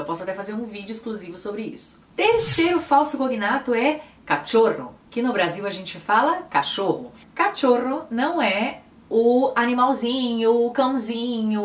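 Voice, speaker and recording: Chatty Brazilian woman, echoey room. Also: a little high. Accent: Brazilian Portuguese. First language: Portuguese. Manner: chatty, explains with examples and frequent "né?". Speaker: YouTube Spanish teacher. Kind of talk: casual vlog-style language lesson. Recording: roomy echo, voice from a distance.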